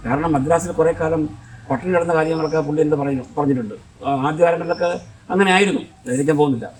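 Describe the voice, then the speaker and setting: A man's voice: fairly high pitch, very fast, far from the mic, poor audio. An older film director from Kollam with a Kollam Malayalam accent, telling rambling, conversational memories and often restarting his sentences. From Kollam, Kerala, India. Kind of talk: reminiscing storytelling.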